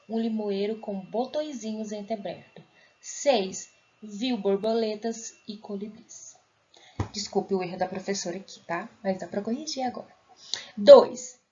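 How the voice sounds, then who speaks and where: A woman's voice: medium pitch, a little mellow. A woman schoolteacher with a Brazilian accent, going over homework answers in a recorded lesson and checking in often with her pupils. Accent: Brazilian Portuguese. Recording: dull lo-fi audio.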